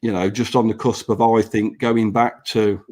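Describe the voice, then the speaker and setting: A man's voice: on the low side, flat delivery, normal speed, a little mellow. A man with dental braces slightly affecting his speech, chatting earnestly and swearing freely as he repeats points for emphasis. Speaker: business owner, podcast guest. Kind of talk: casual panel chat.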